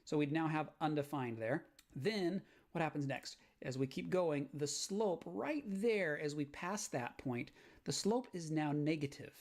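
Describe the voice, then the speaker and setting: A man's voice: fairly high pitch, unhurried. A man teaching a math lesson on video, explaining graph sketching step by step and checking in with "right?". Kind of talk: recorded lecture walkthrough.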